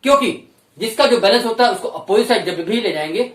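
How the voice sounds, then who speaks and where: A man teaching accountancy, explaining step by step, repeating each point and asking questions aloud, then slowing right down to dictate entries and figures. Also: high voice, lively intonation, a bit bright, far from the mic. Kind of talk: recorded classroom lesson. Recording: roomy echo, voice from off-mic.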